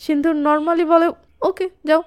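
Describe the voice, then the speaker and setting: A woman narrating a movie recap in a lively storytelling way, reading every character's dialogue in her own voice. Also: very high voice, moderate pace.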